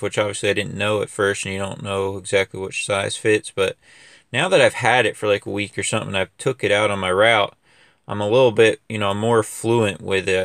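Recorded outdoors in a wooded yard, this casual equipment review vlog features a young lawn care business owner whose talk wanders, packed with fillers and false starts. His pitch is fairly low and slightly bright, and the sound is clean, studio-like and free of echo.

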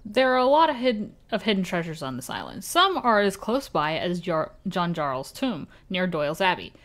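A woman voicing a kindly older male village blacksmith in a vague put-on accent, reading game dialogue aloud in a formal, warm way. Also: lowish voice, sing-song, normal speed. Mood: earnest.

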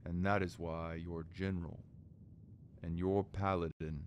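A lofty elderly male scientist acted by a man speaks with measured disdain. The voice is low and pompous, suited to a cartoon game parody, over faint noise. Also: little pitch movement. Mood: disdainful, lofty.

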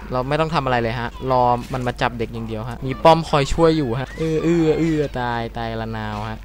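Commenting loosely on his own gameplay, a young gaming-channel host swears his way through a let's play video, lurching from startled yells into quiet mutters.

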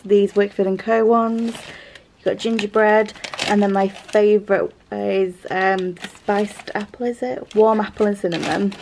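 A woman's voice: medium pitch, darkish tone, slight background noise. Young British woman, casual vlogger, chatty and upbeat, recorded on a camera mic in a living room. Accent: British English. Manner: chatty, upbeat, rambling with fillers and light laughs. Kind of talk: casual haul vlog chat. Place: home living room, indoors.

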